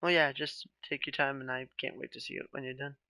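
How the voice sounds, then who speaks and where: A man chatting casually on a live stream, relaxed and rambling, often trailing off with questions. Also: medium pitch, quick pace, creaky, a little hiss or hum.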